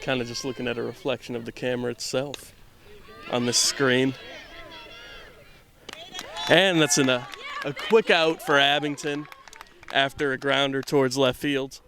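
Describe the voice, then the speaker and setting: A young man, doing offhand, self-deprecating live commentary of a softball game from outdoors on a headset mic. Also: mid-range voice, fairly even intonation, a little slow, pauses often, crowd noise, background noise. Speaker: camera operator and commentator. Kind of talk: casual live sports commentary.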